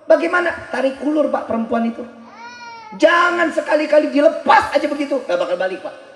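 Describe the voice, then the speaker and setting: A man giving a humorous sermon, firing rhetorical questions at the crowd and now and then breaking into shouts for emphasis. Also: extremely high pitch, a little hiss or hum. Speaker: preacher. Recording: echoey live venue.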